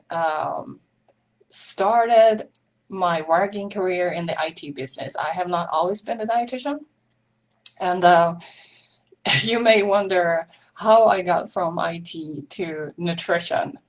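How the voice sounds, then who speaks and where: Her lowish voice moves at a slow pace over poor audio. She's from Sweden, speaks with a Swedish accent, and runs a live online meetup in a chatty style full of ums and little laughs, just casual live-stream conversation.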